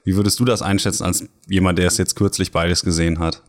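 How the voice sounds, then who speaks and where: A man hosts a conversational interview in a deep voice. He has a mild cold that leaves his throat a little scratchy. He talks as a podcast host putting questions to a guest. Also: little pitch movement, fast talker.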